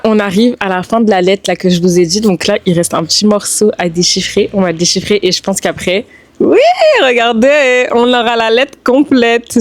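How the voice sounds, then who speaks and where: A young woman chatting informally and with youthful slang as a book vlogger, talking straight to her viewers. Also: medium pitch. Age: young adult. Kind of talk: casual vlog chat.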